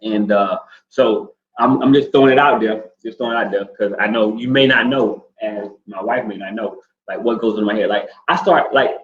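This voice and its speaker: A man's voice: lowish voice, normal speed. A man in his forties, co-hosting a casual couple chat, talking in a laid-back, rambling way with lots of fillers. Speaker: co-host. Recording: echoey room, dull lo-fi sound.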